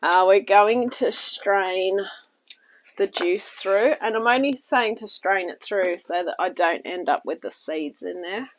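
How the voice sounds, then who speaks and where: Hosting a casual home cooking show from her kitchen table, a New Zealander walks viewers through a recipe in a friendly, reassuring way. Her mid-range voice is a little slow, she coughs occasionally while recovering from illness, and the rough recording carries some hiss or hum.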